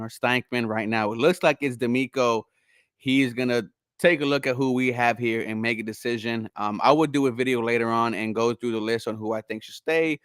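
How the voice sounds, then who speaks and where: A man's voice: medium pitch, fairly bright tone, clean tone, no room sound. A young man from Houston hosting a casual sports talk show, rambling with lots of fillers and answering chat. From Houston, Texas. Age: young adult. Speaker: host.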